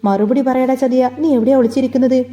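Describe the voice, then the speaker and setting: A woman voicing an angry young man yelling threats down the phone. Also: sits high, fairly even intonation, brisk, dull audio, natural voice.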